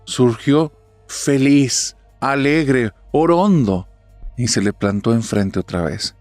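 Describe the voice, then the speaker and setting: A man narrating a spoken horror story in a dramatic manner, dropping to a hush at tense moments. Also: medium pitch, gravelly, no echo. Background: faint music.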